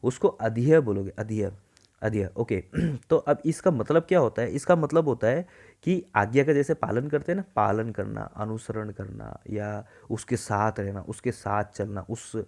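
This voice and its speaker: A man with an Indian accent teaching vocabulary from a newspaper editorial. He reads English phrases slowly word by word, spells words out letter by letter, and explains them in Hindi. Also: fairly low pitch, creaky, a little mellow. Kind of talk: exam-prep vocabulary lesson.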